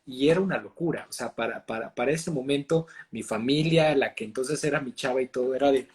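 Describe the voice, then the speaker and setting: A man with a Mexican accent, a voice and acting coach explaining his craft in a casual interview, talking in an animated, lively way. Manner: animated, explanatory, fast shifts in pitch and loudness.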